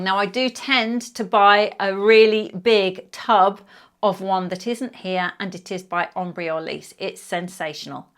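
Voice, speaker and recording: A woman's voice: medium pitch, fairly bright tone. A woman over fifty talks her viewers through a casual product review. She is chatty and effusive, gushing with enthusiasm as she goes. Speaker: beauty vlogger.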